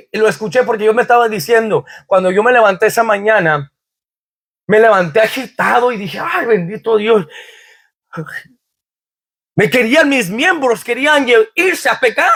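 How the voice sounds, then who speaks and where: A man's voice: high voice, lively intonation, normal speed, a bit bright. A man preaching a sermon in a church as pastor, quoting scripture fervently and asking the congregation rhetorical questions.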